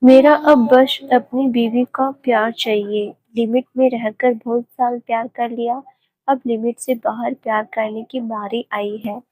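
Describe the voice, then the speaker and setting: A woman voicing a doting, playful young husband in a romance story, speaking softly and affectionately. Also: on the high side, fairly even intonation, measured pace, dry recording, low-quality recording. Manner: soft, affectionate, teasing. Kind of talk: audiobook story reading.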